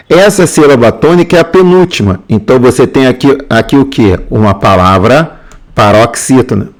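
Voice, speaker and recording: A male teacher with a Brazilian Portuguese accent, going through exam answers step by step and repeating key points. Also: medium pitch. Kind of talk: exam answer walkthrough lesson.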